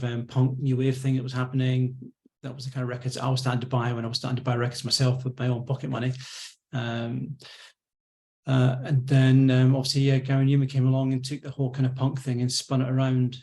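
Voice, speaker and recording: Scottish musician guest, 50s, steady and unhurried, little pitch movement, webcam interview from home studio. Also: male voice. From Scotland. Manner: relaxed, reflective, many ums and restarts. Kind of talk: casual interview chat. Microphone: video call.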